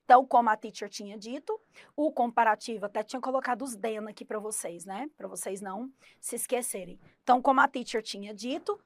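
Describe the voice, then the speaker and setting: A woman's voice: fairly high pitch, brisk, no echo, studio quality. A Brazilian woman teaching an English grammar lesson, explaining step by step and voicing her students' questions herself.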